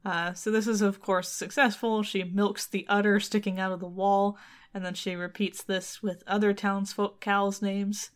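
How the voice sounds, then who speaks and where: Reading a folktale on a podcast she co-hosts, this woman keeps it casual, adding side remarks and laughing a lot. She speaks at a moderate pace in a mid-range, level voice.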